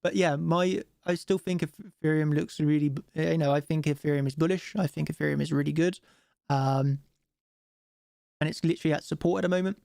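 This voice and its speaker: A man with a cold and a stuffy nose hosts a live trading stream, commenting casually on charts and asking viewers for likes. His slightly high, creaky, somewhat mellow voice moves a little fast with fairly even intonation, in a dry, clean studio recording.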